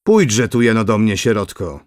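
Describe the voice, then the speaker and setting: A man reading aloud, voicing an older kindly prince who speaks in a slow, measured, fatherly way. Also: lowish voice, sing-song, no room sound, clean studio sound. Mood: benevolent.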